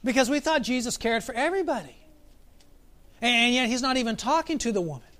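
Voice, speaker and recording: A man preaching a sermon as pastor, reflective, asking his listeners questions and slowing down for emphasis. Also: extremely high pitch, expressive, bright, forceful tone. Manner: reflective, asks the congregation questions, varies pace for emphasis.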